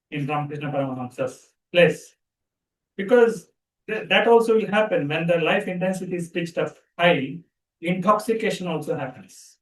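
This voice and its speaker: Man giving an animated spiritual talk. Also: high-pitched. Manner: animated storytelling, conversational. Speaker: spiritual teacher. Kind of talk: spiritual discourse. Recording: roomy sound from a distant mic.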